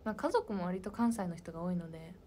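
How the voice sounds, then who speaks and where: Young woman idol, mellow soft voice, casual fan Q&A chat, whispered asides. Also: fairly low pitch, lively intonation, quick pace, a little hiss or hum. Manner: soft-spoken and chatty, drops into whispered asides. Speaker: idol talking with fans.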